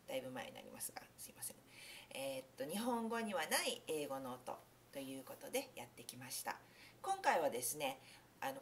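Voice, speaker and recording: A woman's voice: deep voice, slight background noise. A young woman teaching English pronunciation in a casual spoken lesson, explaining in a friendly way with many fillers and self-corrections.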